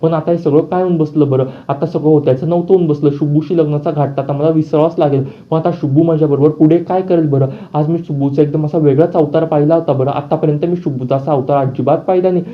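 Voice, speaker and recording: A man's voice: a little high, steady tone, quick pace, few pauses, natural voice. A man voicing a scheming young woman who frets after being caught, on dull lo-fi audio. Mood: worried. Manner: worried, self-pitying.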